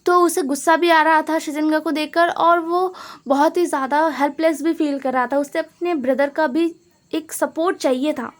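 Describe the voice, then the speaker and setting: A woman's voice: sits high, fairly even intonation, moderate pace. A woman narrating a fan fiction story in a casual, conversational way with emphatic asides.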